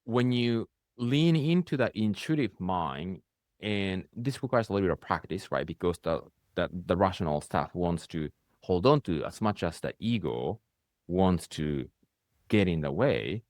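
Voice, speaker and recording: Speaking slowly and deliberately in a low, somewhat dark voice with lively intonation, a Japanese-accented man guides a reflective conversation as a spiritual coach; English is not his first language. He talks in rising bursts and keeps tagging on "right?" to check in. There's no room sound, just clean studio audio.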